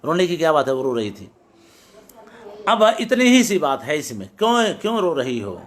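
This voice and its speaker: A middle-aged man teaching a class on poetics, his voice sitting a little high for a man. He recites old verses slowly and then explains each phrase in plain talk, with a patient teacher's manner. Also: sing-song. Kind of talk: lecture on poetics.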